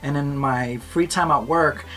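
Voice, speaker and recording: In this vlog voice-over, backed by loud music, the man's voice is fairly high and a little slow. He keeps it casual, upbeat and heartfelt, frequently talking about following what his heart says.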